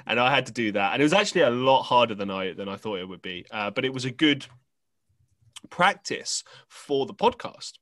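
A man's voice: medium pitch, expressive, a little fast, fairly bright tone, no room sound. A young man from England, a podcast host telling a story in casual conversation, rambling with many fillers and restarts.

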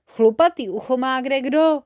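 A woman's voice: high-pitched, a little mellow, voice pushed up, natural voice. A woman voicing a sleepy, grumbling male helper creature in a storybook, puzzled and dry. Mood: grumbly.

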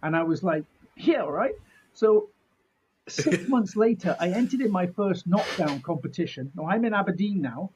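A man's voice: high-pitched, lively intonation, moderate pace, darkish tone, a little hiss or hum, rough recording. A middle-aged man, telling anecdotes in casual chat in a jokey, self-deprecating, mildly sweary way. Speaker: martial artist being interviewed.

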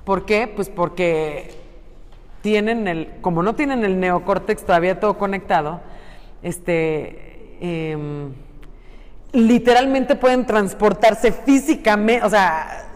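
A middle-aged woman, earnestly explaining ideas about parenting in casual talk, pausing to search for words and acting out bits of dialogue. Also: mid-range voice, a little mellow. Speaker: parenting speaker. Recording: long reverberant room.

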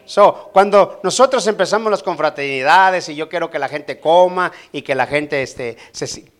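A man preaching a sermon in a church, asking rhetorical questions and calling out amen and hallelujah while pausing for his interpreter. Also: on the high side. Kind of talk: Spanish sermon with live interpretation.

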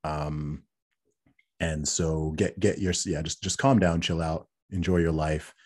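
Deep-voiced man, dark and husky. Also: fairly even intonation, a little slow. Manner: earnest, repeats words when restarting, laughs between points. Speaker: podcast guest. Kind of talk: casual interview talk.

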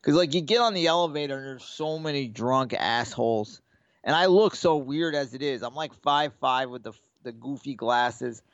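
A podcast co-host with a mid-range voice at a moderate pace, heard on a dry, lo-fi recording. In casual talk about sports betting, he tells meandering stories, swears a lot, and plays out the quotes of the people in them.

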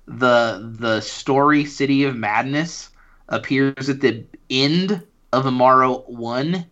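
A man's voice: mid-range voice, slow pace, a bit bright, lo-fi sound. A man co-hosting a casual podcast talk about books, speaking loosely and hedging his points. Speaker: podcast co-host discussing books. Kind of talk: casual chat.

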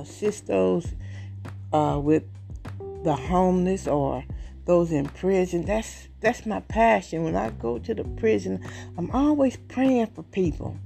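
A woman in her late fifties with a Southern US accent hosts a podcast, talking casually about herself in an earnest, rambling way that comes across as warm-hearted testimony. Her voice is medium-pitched and creaky.

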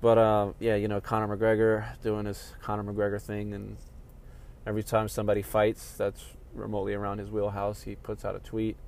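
A man with a low voice rambles through a casual talk at home, drowsy and yawning between thoughts. His delivery is loose and unhurried, and faint noise hangs under the recording. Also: monotone, creaky, darkish tone. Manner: rambling, yawning, laid-back. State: sleepy, yawning. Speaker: MMA commentary vlogger. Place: home room with sunny window.

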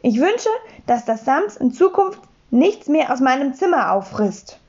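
A woman's voice: high-pitched, sing-song, measured pace, a little mellow, highs cut off, exaggerated voice. A woman voicing a sleepy, grumpy grown man who murmurs and grumbles in exasperation. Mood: grumbling.

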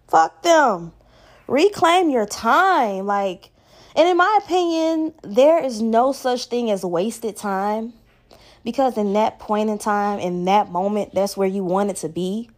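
A woman's voice: fairly high pitch, a little mellow. Blunt, profane young woman podcaster. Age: young adult. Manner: blunt, profane, preachy advice-giving. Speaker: podcast host. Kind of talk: casual solo podcast monologue.

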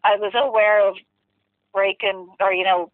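A woman's voice: mid-range voice, fairly even intonation, unhurried, no room sound. West of Ireland woman, muffled phone line. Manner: rambling, conversational, with many filler phrases. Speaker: interviewee telling a personal story. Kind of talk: casual, candid personal storytelling.

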